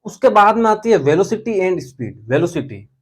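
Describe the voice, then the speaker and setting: A man's voice: high voice, very animated, a little slow, breathy edge. A young man teaching physics in a casual, chatty lecture style, speaking terms and repeating key words for his students.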